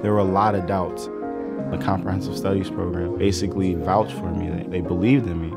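Low, level-voiced student, sincere and steady, loud music underneath. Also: male voice, fairly quick, creaky. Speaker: college student. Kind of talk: documentary interview. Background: music score.

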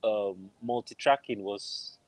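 Slow and fairly low-pitched, the voice belongs to a middle-aged Nigerian-accented film composer being interviewed on a video call from his home. He tells a personal story conversationally, and there's no room sound.

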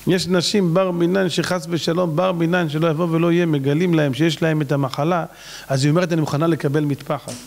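A man's voice: fairly even intonation, vocal fry. A man, a rabbi, preaching a dramatic, exclaiming storytelling sermon. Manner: dramatic, exclaiming, swings in pitch.

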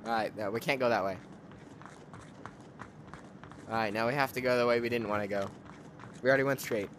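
A young man giving casual commentary while playing a game with a friend, jumpy, swinging from hushed mutters to shrieking laughter. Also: mid-range voice, very fast, a little hiss or hum.

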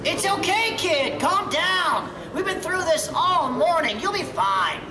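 A woman's voice: extremely high pitch, animated, recorded from a distance, music in the background. A woman playing a coaxing stage handler. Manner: coaxing, brisk, motherly. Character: encouraging female stage handler. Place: large exhibit hall, played over speakers. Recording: echoey hall heard from afar with crowd.

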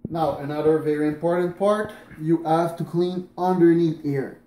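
At normal speed and in a warm, slightly high voice, a man in his thirties walks through a casual how-to at home. It's nighttime in his kitchen, and he's chatty yet hesitant, restarting sentences, using fillers, and moving about mid-task. The sound, captured by a camera on the counter some distance away, is echoey with a faint room noise.

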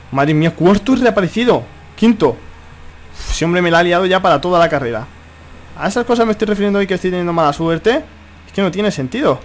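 A young man with a Spanish accent from Spain giving excitable live gameplay commentary, exclaiming and repeating himself often. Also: high-pitched, a little hiss or hum. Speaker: gaming YouTuber. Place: at home.

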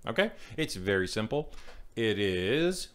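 A man's voice: lowish voice, sing-song, unhurried, clear, resonant tone. A middle-aged man, co-hosting a casual podcast and talking through a biscuit recipe with jokes and apologies. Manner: rambling, joking, says sorry a lot. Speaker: podcast co-host. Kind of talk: casual chat and recipe talk.

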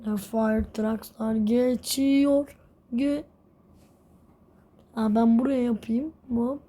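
A woman's voice: on the high side, fairly even intonation, extremely slow, dark tone. A young woman casually commenting while she plays a mobile game, chatty, laughing often and exclaiming when things go wrong. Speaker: gameplay video host.

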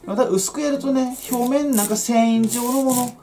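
Speaking at normal speed in an extremely high, mellow voice, a man demonstrates home vegetable growing. He keeps up a folksy, explanatory how-to chat as his hands stay busy. The setting is a small, cluttered indoor workroom or shed, with plucked guitar in the background.

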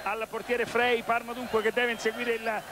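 High-pitched male football commentator over loud noise. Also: little pitch movement, moderate pace. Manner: names players in clipped phrases. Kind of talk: live football match commentary. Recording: loud stadium noise behind. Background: stadium crowd and ambience.

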